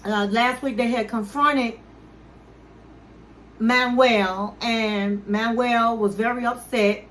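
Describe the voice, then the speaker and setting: Slow and steady in tone, her slightly high, somewhat bright voice carries a casual recap of a reality show, told as a story with each person's lines acted out. The recording is low quality.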